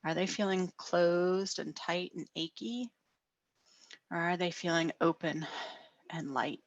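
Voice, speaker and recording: A middle-aged woman counselor giving a gentle guided wellness talk over a video call, often asking "right?". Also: fairly low pitch, slow, no echo, highs cut off. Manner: gentle, frequent "right?" tags.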